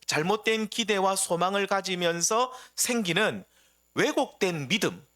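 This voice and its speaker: Lively, bright-voiced preaching man. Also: high voice. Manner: expressive preaching with rhetorical questions. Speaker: pastor. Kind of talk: sermon.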